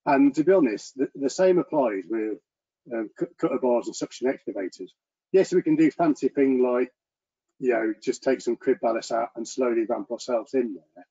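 A man presenting to an engineering meeting over a video call, talking earnestly in a monotone with frequent restarts. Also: mid-range voice, moderate pace, slightly rough. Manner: self-described monotone delivery. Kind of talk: online presentation and Q&A. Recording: muffled lo-fi video call audio.

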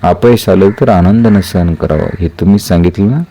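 A man's voice: low voice, normal speed, dark tone, slight background noise, close to an everyday voice. A man voicing a young male king crying out in urgent, choked pleas. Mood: anguished.

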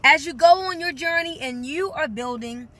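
A woman's voice: high-pitched, moderate pace, a bit bright, a little hiss or hum. A woman giving a motivational talk as a network marketing coach, speaking directly to her viewers with emphatic encouragement.

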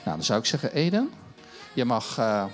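A man's voice: medium pitch, very animated, moderate pace, faint music behind. A middle-aged man presenting a children's church show on a stage, chatty and encouraging as he runs a science demo, speaking into a handheld mic. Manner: chatty and upbeat, encouraging, self-mocking.

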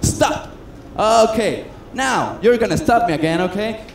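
High-voiced man doing comic stage patter. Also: lively intonation, unhurried, creaky. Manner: chatty, self-mocking, coaxing the crowd. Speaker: stage magician. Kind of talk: comedic stage patter with audience. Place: cruise ship stage. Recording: echoey stage sound with noise.

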